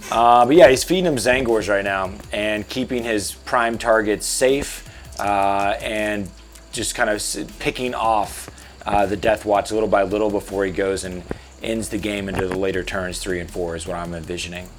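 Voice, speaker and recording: A man's voice: on the low side, measured pace, a bit bright, soft background music. A man hosting a game stream, casually commentating on a tabletop match and checking his mic levels. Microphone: desk mic at his computer.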